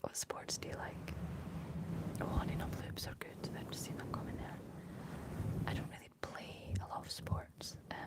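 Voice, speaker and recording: A Scottish woman hosts an ASMR-style livestream, chatting unhurriedly in a soft, breathy whisper. She reads out viewer comments and answers them.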